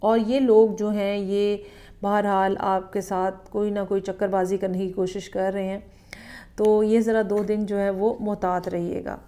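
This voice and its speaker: A woman giving a weekly tarot horoscope reading in a measured, explanatory way, often checking in with the listener. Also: medium pitch, flat delivery, dark tone. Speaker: tarot reader.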